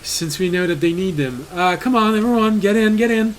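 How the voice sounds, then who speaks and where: A man voicing a frazzled male priest, hurried and flustered as he urges people inside. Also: sits high, a little hiss or hum, voice pushed up, lightly acted, rough recording.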